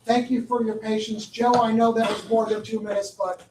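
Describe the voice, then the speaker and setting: Man presenting to a county board, high voice, unhurried, full of "uh"s and dry jokes; heard from a distance in an echoey meeting room. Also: little pitch movement, noisy background. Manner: halting, many filler "uh"s, wry asides. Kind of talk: informal public briefing.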